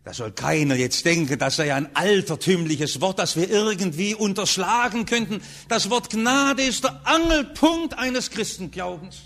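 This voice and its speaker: A man preaching a sermon as pastor, emphatic, swinging between raised urgent passages and hushed low ones. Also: normal speed, hardly any pauses. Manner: emphatic preaching with strong rises and hushed drops.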